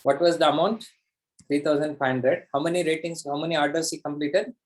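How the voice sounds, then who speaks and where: Emphatic Indian man coaching, higher-pitched. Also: steady tone, brisk. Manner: pushy, emphatic, repeats phrases for effect. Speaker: online business coach hosting a class. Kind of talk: live interactive teaching, mixing English and Hindi.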